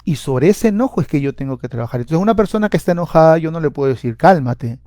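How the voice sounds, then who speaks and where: A man's voice: a little high, expressive, rapid-fire, mellow, no echo, studio quality. A man, a psychologist giving a seminar lecture, explaining step by step with frequent "eh" fillers and repeated words. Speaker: clinical psychologist and seminar speaker.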